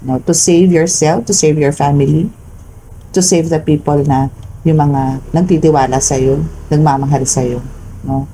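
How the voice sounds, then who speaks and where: A Filipino woman doing a tarot reading for her viewers, with a low, dark and mellow voice. She talks emphatically and keeps checking in with her listeners. A faint hiss of noise sits under her voice. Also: steady tone, measured pace, rough recording. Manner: emphatic, keeps asking "no?" and "okay?". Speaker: tarot reader.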